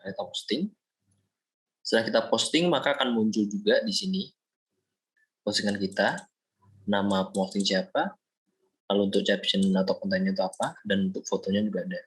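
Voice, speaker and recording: A young man from Indonesia, a student, explaining a software project step by step in a screen-recorded walkthrough, often pausing with fillers. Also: lowish voice, fairly even intonation, low-quality recording. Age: young adult. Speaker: student presenting a project demo.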